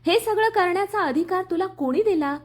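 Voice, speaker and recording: A woman's voice: sits high, big pitch swings, measured pace. A woman voicing a young husband who speaks firmly and earnestly in a story reading. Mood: stern. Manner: firm, earnest. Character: young husband, firm and protective.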